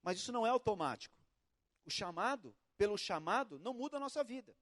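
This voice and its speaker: A male pastor with a Brazilian Portuguese accent, preaching a sermon in a church with animated storytelling. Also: sits high, quick pace. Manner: animated storytelling with acted quotes and shouts.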